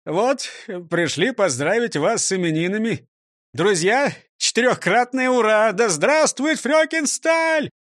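A man voicing a bossy robber gang leader who gives hushed, blustering orders. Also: high-pitched, animated, unhurried, dry recording, studio quality, voice pushed up.

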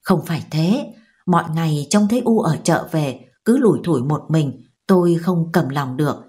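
A woman's voice: low voice, expressive, moderate pace, a little mellow. A woman voicing a humble young man begging his mother, in a pleading tone. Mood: coaxing.

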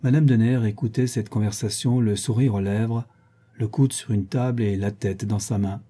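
A man reading a classic novel aloud as audiobook narration, measured and even. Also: fairly low pitch, slightly rough. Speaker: audiobook reader. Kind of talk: scripted narration.

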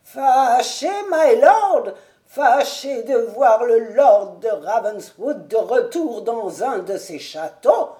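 A quavering, fretful old manservant, as a woman reader puts him on, fussing over his master in a slow, high, raised voice. His talk is drawn out and anxious, as in a storybook reading. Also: expressive, mellow. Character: trembling old male castle servant, fussy and anxious.

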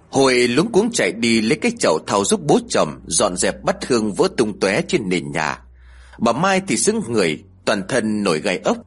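A man narrating a village ghost story in an expressive, dramatic manner. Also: mid-range voice, breathy edge. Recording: soft music underneath.

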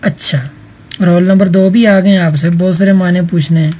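A man's voice: high-pitched, steady tone, dark tone, husky. A man teaching an online Arabic vocabulary lesson, patiently calling on students by roll number and explaining answers.

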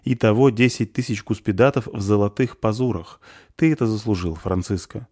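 An impulsive young man, weighed down by guilt and speaking in an agitated way, as a man reads him. The voice stays close to the reader's own, warm and low in a dry space. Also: a little fast, lightly acted. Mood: troubled. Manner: agitated, remorseful.

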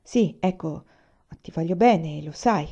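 A woman reading the lines of a kind, easygoing young man, dropping a little lower and softer for him, on a dull lo-fi recording. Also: takes it slowly, slightly rough, heavily acted. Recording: dull lo-fi sound.

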